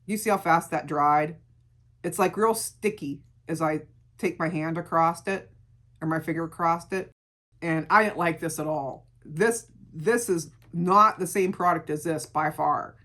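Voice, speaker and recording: A middle-aged woman with a gravelly voice, chatting casually through a beauty product review and repeating words for emphasis. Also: low-pitched, measured pace, a bit bright. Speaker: beauty vlogger.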